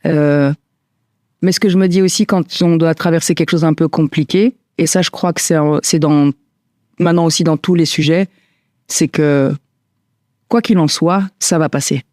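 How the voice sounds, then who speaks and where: A woman's voice: sits low, steady tone, normal speed, darkish tone, dry recording. Woman, 40s, thoughtful guest, hesitant and rambling, dead-dry close sound. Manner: hesitant, many fillers and restarts. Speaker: guest, stylist and entrepreneur. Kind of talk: reflective casual conversation.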